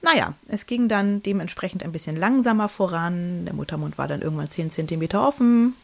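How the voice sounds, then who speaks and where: A woman's voice: on the low side, lively intonation, fairly quick, gravelly. A woman in her thirties chatting casually on a podcast, telling a personal story with many fillers and restarts and acting out what people said. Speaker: podcast co-host.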